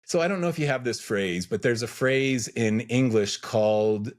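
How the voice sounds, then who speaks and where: A middle-aged American man, a freelance educator appearing as a guest on an interview podcast, talks conversationally at a moderate pace in a medium-pitched voice. He comes across as earnest, reflective, and self-questioning.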